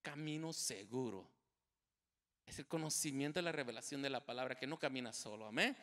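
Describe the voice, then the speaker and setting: A man's voice: medium pitch, brisk, a bit bright. A male pastor preaching a sermon to his congregation, emphatic and repeating key phrases as he speaks to them directly. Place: church sanctuary. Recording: long church hall reverb.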